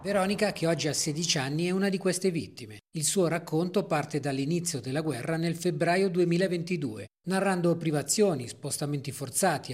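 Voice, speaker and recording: A man's voice: fairly high pitch, a little mellow, husky. A man narrating a news report in a serious, informative tone. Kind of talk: scripted narration.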